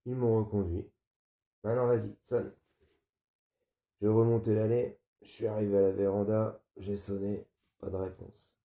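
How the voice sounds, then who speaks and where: A man reading a novel aloud in a flat, weary first-person narration. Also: fairly low pitch, moderate pace. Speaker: audiobook reader. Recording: muffled, roomy.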